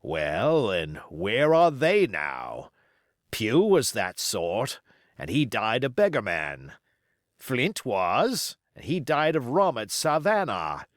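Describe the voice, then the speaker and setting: A man playing sly, slow-talking pirate Long John Silver. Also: mid-range voice, huge pitch swings, no room sound, studio quality. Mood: scornful, musing. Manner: folksy sailor grammar, deliberate and weighty. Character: sly, commanding pirate sea cook and ringleader.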